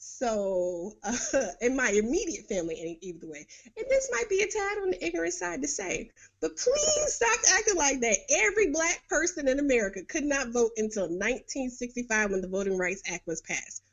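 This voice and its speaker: Middle-aged woman ranting on her podcast, high voice that jumps all over, sarcastic and laughy. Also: moderate pace. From New York. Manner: animated, laughing, blunt and sarcastic. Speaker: podcast host. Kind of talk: casual political commentary monologue.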